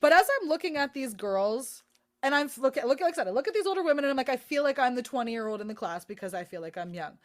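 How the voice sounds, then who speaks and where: High-pitched thirty-something woman chatting on a podcast, animated, swears a lot. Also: quick pace. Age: 30s. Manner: animated storytelling, swears freely. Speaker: podcast co-host. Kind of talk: casual chat.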